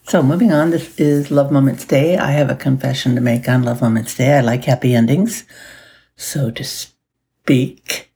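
Woman life coach hosting a solo podcast; groggy morning voice, mellow and gravelly, chatty and upbeat. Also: very deep voice, steady tone, brisk, few pauses. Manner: chatty and upbeat, with little laughs. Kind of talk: casual solo podcast talk.

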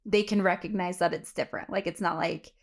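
A woman's voice: on the low side, fairly even intonation, a little fast, vocal fry, husky. A woman co-hosting a podcast, chatting casually with lots of "like" and asking curious questions. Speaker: podcast co-host. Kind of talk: casual chat.

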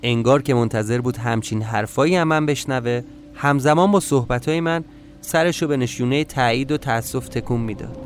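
A man of middle pitch reading a scripted first-person story for a podcast. His telling is calm, measured and matter-of-fact, with faint music underneath. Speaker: podcast narrator.

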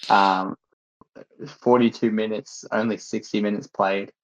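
A man's voice: on the low side, little pitch movement, unhurried. An Australian man chatting casually and in a blokey way as a guest on a sports podcast, on slightly dull lo-fi audio.

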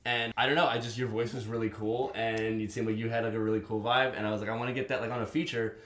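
A man's voice: lowish voice, fast talker. A man in his thirties chatting casually in his home studio, telling stories with lots of swearing and laughs. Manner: animated storytelling, swearing, laughing. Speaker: podcast host, musician. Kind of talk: casual chat. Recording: echoey room.

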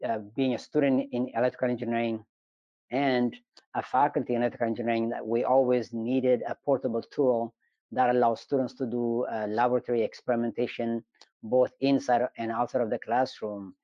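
A middle-aged Ethiopian man, an engineering professor appearing as a guest in a conversational interview, talks in a measured, storytelling manner with frequent hesitations and many "uh" pauses. His pitch is mid-range and his delivery flat. The dry, slightly dull recording sounds like a remote call.

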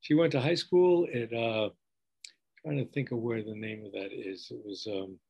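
A man's voice: medium pitch, normal speed, creaky, darkish tone, lo-fi sound. A man in his sixties with a New York accent, a business owner chatting as a guest, talking loosely with lots of fillers. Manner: rambling with many fillers. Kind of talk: casual interview chat.

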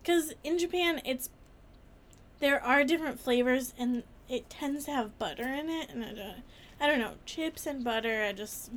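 High-voiced giggly woman chatting. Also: moderate pace. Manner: giggly, animated storytelling with many fillers. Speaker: podcast co-host. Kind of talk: casual chat.

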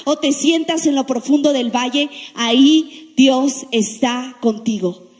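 High-voiced woman sharing a church testimony. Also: slow, in a large hall, soft background music. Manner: lively, quotes herself and others in higher voices. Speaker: host of a church group meeting. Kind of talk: casual testimony chat.

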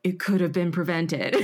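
A woman's voice: on the low side, husky. A woman hosting a podcast about teaching, asking thoughtful questions and sharing her own classroom experiences. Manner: thoughtful, hesitant with fillers, shares her own teaching stories. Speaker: podcast host. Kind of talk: conversational interview.

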